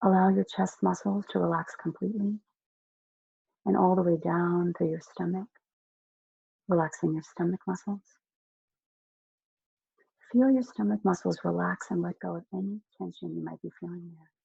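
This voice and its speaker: Soft gravelly hypnotist voice, dull lo-fi. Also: mid-range voice, steady tone, dry recording. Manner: slow, soft, soothing instructions with long pauses. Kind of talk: guided relaxation hypnosis script.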